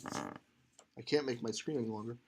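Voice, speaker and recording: A man's voice: medium pitch, moderate pace, a little mellow, slightly rough. A man teaching a computer science class, talking casually with many fillers and restarts as he thinks aloud. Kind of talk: lecture.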